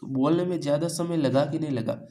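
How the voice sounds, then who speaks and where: A man's voice: fairly high pitch, a little fast, warm tone, poor audio. Man teaching in Hindi. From India. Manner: repeats key points as questions to students. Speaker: English teacher. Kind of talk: classroom lesson.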